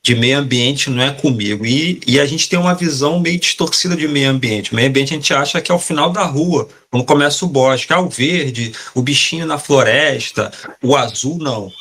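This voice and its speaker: A man's voice: mid-range voice, brisk, fairly bright tone, husky. A man with a Brazilian accent, a professor explaining on a video call, often hesitating and repeating words as he searches for them. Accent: Brazilian Portuguese. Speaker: professor giving a talk as panelist. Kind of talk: explanatory talk in a live web panel.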